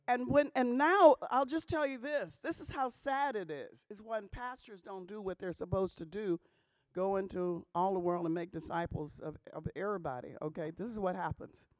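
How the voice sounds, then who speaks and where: Speaking to a group of pastors, a woman gives an emphatic church talk, asking rhetorical questions and checking in often with "okay?". Her mid-range, slightly mellow voice moves at a moderate pace on a dry recording.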